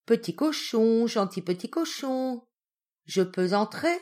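A woman voicing a greedy, menacing male wolf in a storybook reading, speaking slowly and loudly. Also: on the high side, expressive, soft background music, voice pushed up.

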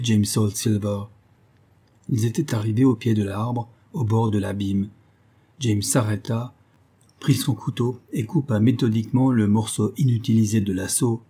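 A man narrating an audiobook in a steady, measured reading. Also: fairly low pitch, husky.

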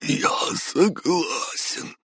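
A man voicing an irate, shouting department boss in an audiobook, who barks orders and later pleads in terror. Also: extremely low pitch, expressive, a little slow, no echo, studio quality, exaggerated voice. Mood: terrified pleading. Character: irate middle-aged male department boss.

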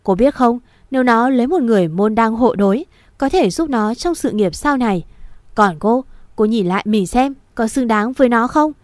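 A woman's voice: on the high side, animated, moderate pace, dry recording, natural voice. A woman reading a story aloud, voicing an angry wealthy grandmother who scolds and hurls insults. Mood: furious. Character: scornful wealthy old grandmother, furious and contemptuous.

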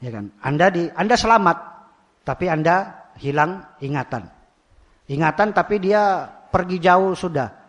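A man's voice: high voice, lively intonation, a little slow, long pauses, fairly bright tone, muffled recording. Man giving a rhetorical religious lecture. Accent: Javanese Indonesian. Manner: asks rhetorical questions, repeats key phrases. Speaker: Islamic teacher.

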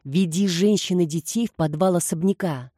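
A woman's voice: lowish voice, normal speed, dark tone, no room sound, studio quality, lightly acted. A woman voicing a resolute young woman who gives firm, urgent orders. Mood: commanding.

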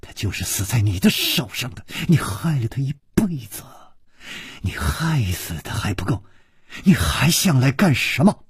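A man's voice: very deep voice, lively intonation, slow pace, pauses often, husky, dry recording, studio quality, voice pushed down, heavily acted. A man voicing a cold, hard, fierce middle-aged noblewoman who speaks with icy menace and scorn. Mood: furious.

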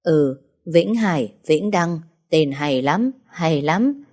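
A woman's voice: low-pitched, animated, slow, mellow, exaggerated voice. A woman reading the lines of a stern elderly father-in-law, pleased with his grandsons, in a story.

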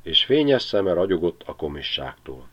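A man narrating an audiobook with expressive storytelling. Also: sits low. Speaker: audiobook reader. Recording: slightly dull lo-fi recording.

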